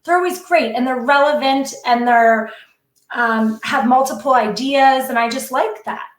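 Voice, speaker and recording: Excitable, high-voiced woman in echoey room. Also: unhurried. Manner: earnest, excitable, tearful at times. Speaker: guest educator. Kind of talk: emotional personal story on a podcast.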